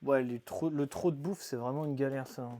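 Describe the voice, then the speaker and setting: A man live-streaming as he sorts his isopod boxes, muttering asides with quick bursts of excitement. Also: mid-range voice, slight background noise. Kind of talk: casual live-stream chat while handling animals.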